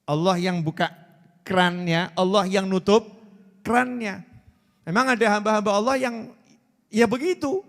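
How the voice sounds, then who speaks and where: A man's voice: high-pitched, a little slow, long pauses, a bit bright, long reverb tail. A man, preaching a sermon in a playful way and repeating words for emphasis. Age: 40s.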